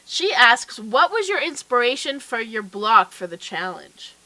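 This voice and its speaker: On a rough recording, a woman with a cold chats casually as a livestream host, her voice stuffy and a bit nasal. She sounds bright and forceful, on the high side and sing-song, talking a little slowly in an upbeat, chatty way full of fillers.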